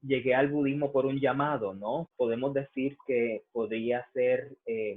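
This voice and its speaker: A man's voice: mid-range voice, breathy edge. Puerto Rican man on a tinny line. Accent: Puerto Rican Spanish. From Puerto Rico. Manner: measured, frequent "eh" fillers. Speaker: Buddhist reverend. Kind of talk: explanatory interview answers.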